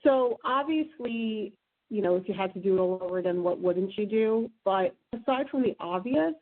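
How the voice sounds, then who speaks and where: A woman conducting a casual phone interview, rambling through halting questions on a narrow phone line. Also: mid-range voice, animated.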